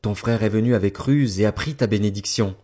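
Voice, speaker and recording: Old patriarch, solemn and grave, read by a man in a lowish voice. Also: brisk, dark tone, natural voice. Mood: shaken. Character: old blind father, frail and solemn.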